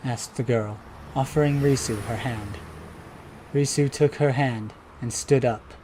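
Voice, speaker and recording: A man narrating a children's storybook in a calm, even voice. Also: mid-range voice, a little slow, a little hiss or hum.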